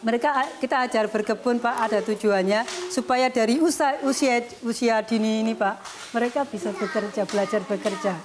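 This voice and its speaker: Brief: woman, earnest missionary, slightly high voice, heartfelt interview testimony with polite asides. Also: fairly even intonation, a little fast. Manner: earnest, often adds a polite "sir" to her sentences. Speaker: missionary caring for schoolchildren. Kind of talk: emotional personal testimony in an interview. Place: remote rural area.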